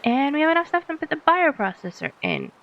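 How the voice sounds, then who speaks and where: A woman's voice: high-pitched, huge pitch swings, a little fast, vocal fry, muffled recording, slight background noise. A woman hosting a let's play, giving casual commentary that is chatty and giggly as she thinks aloud through her game.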